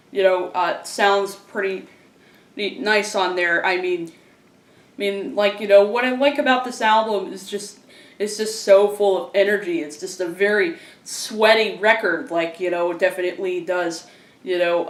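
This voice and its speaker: A man's voice: high-pitched, fairly bright tone. A man giving a casual, enthusiastic album review, rambling with lots of fillers and restarts. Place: a room at home. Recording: roomy echo, mic at a distance.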